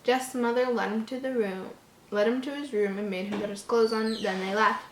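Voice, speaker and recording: Her voice is a little high with a steady tone and normal speed as she reads a horror story in a relaxed way. She fumbles words and interrupts herself with amused, incredulous comments. The room sounds roomy and echoing, like a home setup.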